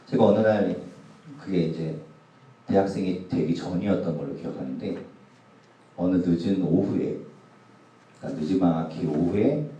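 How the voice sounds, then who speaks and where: A man's voice: lowish voice, mellow, heavy reverb, distant mic, low-quality recording. A man in his forties, a youth pastor, preaching to a young congregation in a casual, humorous storytelling way. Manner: casual, humorous anecdotes told to a youth group. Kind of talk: sermon storytelling. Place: church hall.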